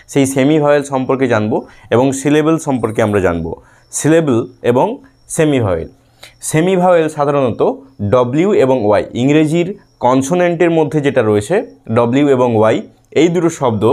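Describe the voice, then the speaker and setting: A man teaching a grammar lesson, patiently repeating example words slowly, syllable by syllable. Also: mid-range voice, a little mellow. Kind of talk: lesson for students.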